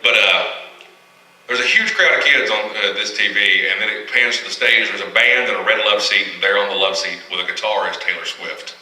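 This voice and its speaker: A man in his thirties doing loose, profane live stand-up comedy on a small arts center stage, breaking into loud shouted punchlines. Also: lowish voice, fairly quick. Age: 30s. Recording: roomy live hall, mic off at a distance.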